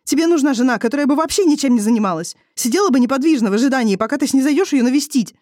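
Reader doing a tearful young wife from an audiobook, high and shaky, stubborn, dry sound. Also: expressive, rapid-fire, dry recording. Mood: tearful defiant. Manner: trembling but loud, defiant. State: crying.

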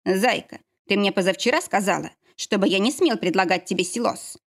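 A woman's voice: medium pitch, a little fast, close to an everyday voice. A woman voicing a teasing, affectionate young husband with a wry manner.

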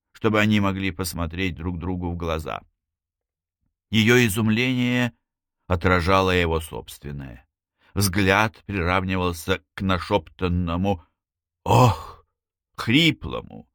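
A man reading a novel aloud as an audiobook narrator, in an expressive storytelling manner. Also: low voice, dry recording, clean studio sound. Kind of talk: scripted narration.

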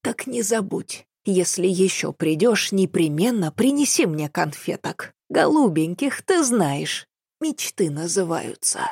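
An elderly woman in a hospital speaks simply and plaintively, in a lowish voice, as a woman narrator plays her. The audiobook sound is dry and close. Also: big pitch swings, takes it slowly, dry recording, exaggerated voice. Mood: gentle.

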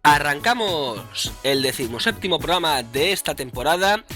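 A man with an accent from Spain and a hoarse, rough whiskey voice, hosting a casual video game podcast. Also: a little high, expressive, normal speed, over loud music. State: hoarse after holiday partying and drinking. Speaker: podcast host.

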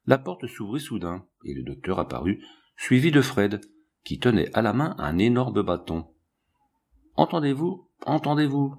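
Brief: male audiobook narrator, husky, lowish, animated and expressive. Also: normal speed. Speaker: audiobook reader.

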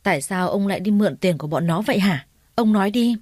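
A woman voicing a frugal older mother who scolds her husband in rapid, wailing reproach in a storybook reading. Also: medium pitch, lively intonation, a little mellow, dry recording, clean studio sound, natural voice. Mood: distraught scolding.

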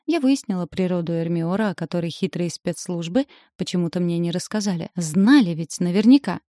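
Low, mellow woman reading an audiobook. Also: expressive, a little fast, no room sound, clean studio sound. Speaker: audiobook narrator. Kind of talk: scripted narration of a fantasy novel.

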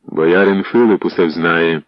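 Storybook role: a cold medieval prince read by a man in a very deep, clipped voice. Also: a little slow, no room sound. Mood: stern. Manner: curt, dry commands. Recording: dull lo-fi audiobook recording.

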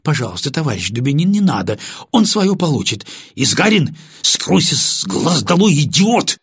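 A man voicing an authoritative security lieutenant who gives sharp orders. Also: medium pitch, sing-song, brisk, breathy edge, no room sound, clean studio sound, pitched above the performer's own voice. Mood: urgent. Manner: commanding, then politely apologetic. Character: stern male security lieutenant, tense and authoritative.

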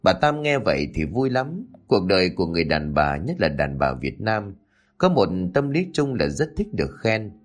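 Low-voiced male storyteller. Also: big pitch swings, normal speed. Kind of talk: scripted story narration. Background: faint background music.

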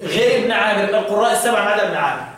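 A man's voice: sits high, lively intonation, racing, a bit bright. A man with an Egyptian accent teaching Quran recitation, quizzing his students and chanting verses between questions. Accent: Egyptian Arabic. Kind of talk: classroom lesson with call-and-response. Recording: echoey room, distant mic.

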